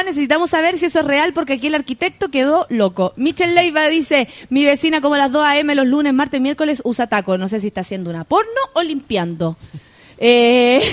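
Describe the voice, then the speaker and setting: A young Chilean woman hosts a loose, casual chat, her voice sitting high. She reads out comments and reacts with quick laughs and slangy swearing. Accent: Chilean Spanish. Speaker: host reading viewer comments.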